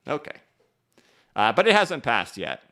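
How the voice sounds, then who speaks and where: A man's voice: sits low, fairly even intonation, brisk, a bit bright, clear, resonant tone. A man hosting a casual live market stream, rambling with many fillers and "right?" tags. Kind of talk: casual livestream commentary.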